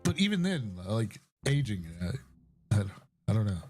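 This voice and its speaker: A man's voice: on the low side, sing-song, moderate pace, darkish tone, faint music behind. A man giving casual, rambling commentary over a video game, laughing and using fillers often. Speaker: gaming streamer. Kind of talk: casual let's-play commentary.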